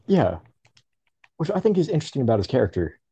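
A man in casual chat, laid-back and swearing freely in lively banter. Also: mid-range voice, quick pace, slightly rough. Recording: dull lo-fi mic.

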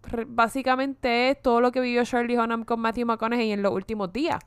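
Clear-voiced woman, chatty. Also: fairly high pitch, a little fast, no room sound. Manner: animated, swears freely, mixes in English words. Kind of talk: casual film review chat.

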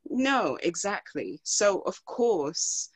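A woman guest on a podcast who speaks earnestly and thoughtfully, often pausing to find her words. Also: mid-range voice, big pitch swings, husky. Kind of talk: casual podcast conversation.

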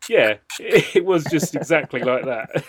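A man co-hosting a podcast, telling a story in casual chat, animated and laughing often. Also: fairly high pitch, unhurried, slightly rough. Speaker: podcast co-host.

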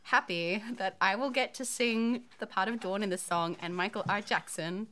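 A woman who co-wrote and sings in a musical, talking softly and haltingly with many "um"s. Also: medium pitch. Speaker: co-writer and singer of a musical. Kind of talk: casual chat.

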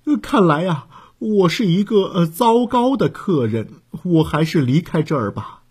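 Storybook figure: man playing an apologetic, well-mannered fire gentleman, lifted in pitch. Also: very animated, measured pace, husky, full character voice. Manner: apologetic and courteous. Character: polite clumsy man with a flame on his head.

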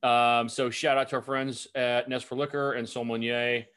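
A man's voice: mid-range voice, little pitch movement, moderate pace, a bit bright, clean tone. A man co-hosting a casual podcast chat, easygoing with dry teasing. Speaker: podcast co-host.

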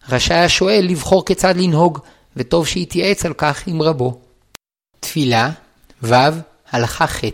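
A man reading a religious law book aloud in a measured, even, formal recitation. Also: on the high side. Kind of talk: formal read-aloud of a text.

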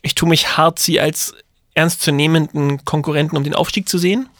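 A man's voice: on the high side, fairly even intonation, fairly quick, a bit bright, dry recording. A man co-hosting a casual ice hockey podcast, throwing in dry wisecracks and often restarting his sentences. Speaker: podcast co-host.

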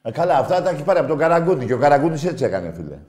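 A man co-hosting a comedy show, arguing loudly and ranting at length in heated football banter. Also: on the high side, sing-song. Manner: loud, argumentative, rants at length. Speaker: co-host of a comedy radio show.

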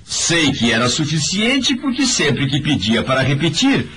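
A man's voice: on the high side, wildly swooping pitch, a little slow, bright, forceful tone, slight background noise. A man giving an emphatic motivational speech in a voice-over, talking straight to his audience. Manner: emphatic, preachy, addresses the audience directly. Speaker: motivational speaker.

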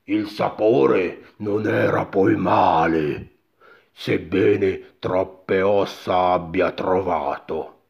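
A hungry storybook giant , voiced by a man, rumbles each word out slowly and heavily, with a booming drawn-out voice. The recording sounds dull and lo-fi. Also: vocal fry, full character voice. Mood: menacing.

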